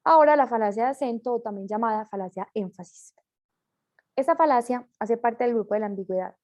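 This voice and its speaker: A woman's voice: a little high, a little fast, a little mellow, muffled recording. A woman reading a class presentation aloud, with small slips and self-corrections as she goes.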